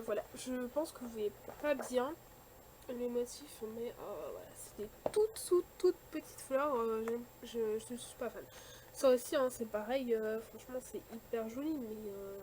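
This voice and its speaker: A young woman chatting casually through a shopping haul, full of fillers and quick likes and dislikes. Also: a little high, animated, a little mellow, slight background noise. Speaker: vlogger showing a shopping haul. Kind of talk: casual chat.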